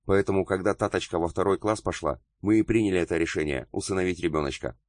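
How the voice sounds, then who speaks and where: A proud, severe older widow speaks firmly and haughtily, read by a man. The voice sits very low and the recording is dry and close. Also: fast talker, no echo, close to an everyday voice. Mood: stern. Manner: firm, haughty. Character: stern proud older woman, a widow defending her late husband.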